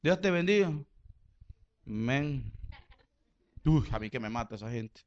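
A middle-aged pastor with a Salvadoran Spanish accent preaches in church, cracking jokes and swinging between loud exhortation and quiet storytelling. His mid-range voice is animated and unhurried, though the audio is dull.

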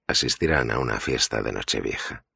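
A man narrating an audiobook in a steady, grave way. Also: a bass voice, fairly quick, creaky, slightly rough, dry recording, studio quality.

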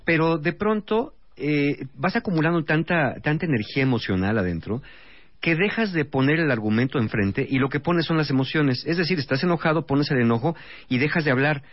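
A man's voice: a little high, lively intonation, a little fast. Mexican man explaining on radio. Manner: explanatory, lists examples. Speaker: guest couples expert. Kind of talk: radio talk show explaining. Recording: dry, dull radio studio sound.

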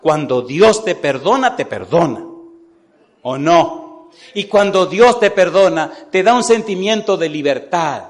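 Animated Spanish-speaking preacher telling a story. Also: male voice, high-pitched, a little slow. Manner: animated, repeatedly asks the congregation "sí o no". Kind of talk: sermon storytelling.

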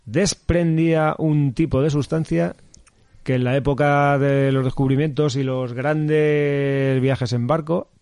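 A man's voice: a little high, steady tone, slow pace, darkish tone, clean tone, no room sound. A man co-hosting a casual podcast chat, joking and swearing freely while reading out fun facts. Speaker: podcast co-host.

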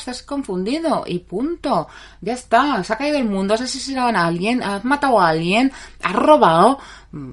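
A middle-aged woman with a Spain Spanish accent, a therapist giving blunt, chatty advice and answering viewers' comments by name on a casual live stream. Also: mid-range voice. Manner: chatty and blunt, reads out viewers' names, laughs often.

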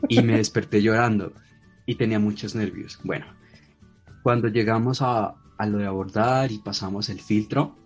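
A man's voice: lowish voice, fairly even intonation, normal speed, highs cut off, faint music behind. A man chatting casually, telling a story in a self-deprecating way. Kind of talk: casual chat.

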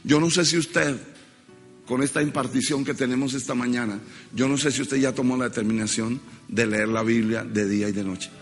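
A man's voice: mid-range voice, fairly even intonation, normal speed, long reverb tail, soft background music. A male pastor with a Colombian accent preaching in a church and leading the congregation in call-and-repeat. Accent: Colombian Spanish. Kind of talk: sermon.

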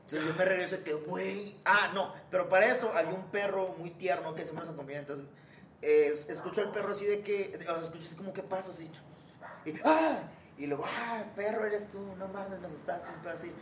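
A young man with a Mexican Spanish accent telling a story among friends in a casual, animated way, swearing freely and acting out sounds. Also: high-pitched, quick pace, distant mic, a crowd in the background. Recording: echoey room, faint noise.

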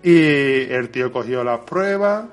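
A man from Spain, co-hosting a casual podcast, telling lively stories about his effects work, swearing freely and laughing often. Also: medium pitch, takes it slowly, soft background music. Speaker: podcast co-host, creature effects painter. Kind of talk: casual podcast chat, storytelling.

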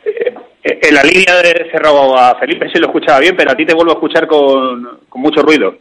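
A man calling in as a reporter over a bad phone line, speaking loudly to be heard. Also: on the high side, a little fast. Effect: phone line, bad connection. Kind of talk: casual chat.

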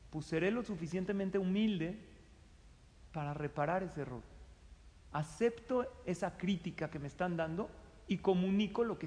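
A middle-aged man with a Mexican accent speaks in a fairly high voice, talking his listeners through everyday advice. He acts out little quoted exchanges with lively energy. His voice carries a long, hall-like reverb. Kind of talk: conversational advice talk.

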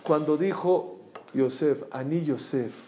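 A man giving an animated, storytelling Torah lesson as a rabbi, often asking his listeners questions. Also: a little high, slow pace, slight background noise. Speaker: rabbi teaching a Torah class.

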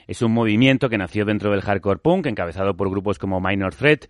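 A man hosting a radio discussion, introducing guests in a measured, formal way. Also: fairly low pitch, no echo, clean studio sound. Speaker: radio host.

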